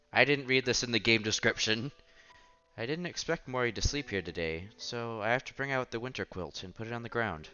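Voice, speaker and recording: In a clean, fairly bright, mid-range voice, a man reads a visual novel's story text on stream, mixing in relaxed comments and the occasional stumble. Behind him, the game's background music plays through a dull, lo-fi recording.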